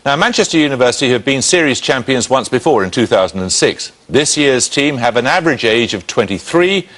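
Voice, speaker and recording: A man hosting a televised quiz show, reading questions briskly and crisply in a studio. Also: medium pitch, expressive, a bit bright.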